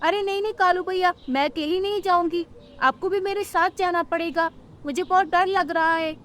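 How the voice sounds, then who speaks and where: A woman's voice: extremely high pitch, fairly even intonation, normal speed, fairly bright tone. A woman voicing a small, honest female sparrow in a cartoon story, who speaks in a polite, pleading way.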